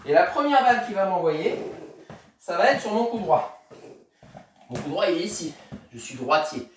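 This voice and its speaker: A man's voice: high voice, sing-song, normal speed, a little hiss or hum. Male tennis coach, upbeat rep-counting instructor, heard from a distance in a reverberant room. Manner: counting reps aloud, encouraging; moving while talking, demonstrating exercises. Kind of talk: instructing a kids' home tennis workout.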